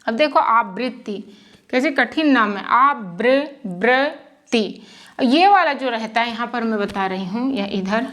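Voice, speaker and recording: A woman's voice: on the high side, normal speed, fairly bright tone. A woman teaching how to spell names, patiently sounding out syllables and checking in with the listener. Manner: patient, repeats and checks with "ठीक है". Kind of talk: slow spoken lesson.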